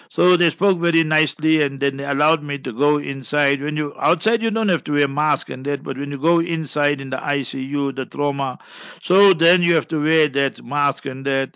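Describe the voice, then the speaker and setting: Older preacher, rambling and digressive, slightly higher-pitched, dull dry lo-fi audio. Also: male voice, fairly bright tone, dry recording. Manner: rambling and digressive, sprinkled with Arabic phrases and Quran recitation. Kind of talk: casual spoken report.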